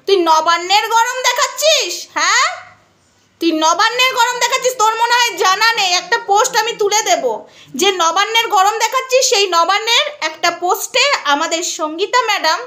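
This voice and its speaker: A woman's voice: very high-pitched, animated, brisk, bright, forceful tone. A woman vlogger scolding and taunting a rival straight to camera, firing rhetorical questions at her. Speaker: social media vlogger. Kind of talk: angry callout vlog addressed to a rival.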